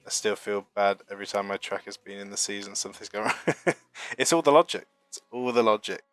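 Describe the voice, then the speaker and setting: Getting over a flu, this UK streamer chats loosely and pokes fun at himself as he goes through viewer messages on his marble racing live stream. He's a young man with a fairly low, fairly bright voice who talks a little fast. Soft music plays behind him, and the recording has no room sound.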